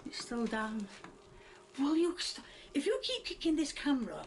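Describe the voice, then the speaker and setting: An older woman narrates her own home cooking video in a slightly higher voice. She chats hesitantly, pausing and talking herself through every step. A faint noise sits under the recording. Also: big pitch swings.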